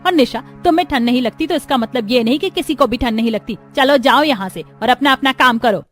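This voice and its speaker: A woman's voice: fairly high pitch, normal speed, faint music behind, natural voice. A woman voicing a caring but firm middle-aged mother-in-law in a narrated family story. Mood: scolding.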